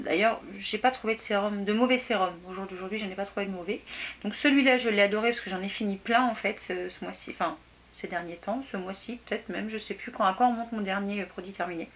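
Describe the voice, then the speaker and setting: A woman's voice: fairly high pitch, fairly bright tone. A young adult woman chatting casually through a beauty product review, hesitant, with many fillers and restarts. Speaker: beauty vlogger.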